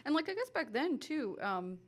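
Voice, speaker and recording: A woman hosting a podcast interview, relaxed and casual, giving encouraging fillers and swearing now and then. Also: sits high, moderate pace. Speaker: podcast host.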